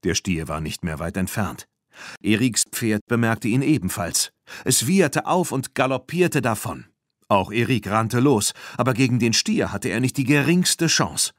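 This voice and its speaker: A man narrating a children's audiobook in an expressive storytelling manner. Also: mid-range voice, measured pace, no room sound, clean studio sound. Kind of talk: scripted narration.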